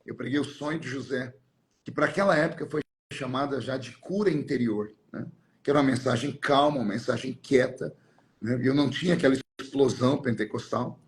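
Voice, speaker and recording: A man's voice: mid-range voice, brisk, slight background noise. Middle-aged pastor man telling his story. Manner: storytelling, reflective, searching for words. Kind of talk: personal testimony in conversation.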